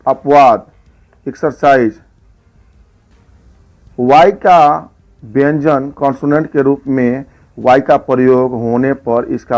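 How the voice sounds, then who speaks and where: A man teaching English pronunciation rules, slowly listing example words one at a time. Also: medium pitch, darkish tone, low-quality recording. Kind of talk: slow explanatory lesson.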